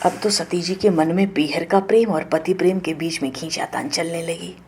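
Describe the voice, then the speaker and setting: A woman giving a devotional scripture storytelling discourse, moving between hushed asides and raised emphasis. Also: on the low side, steady tone, moderate pace, slight background noise.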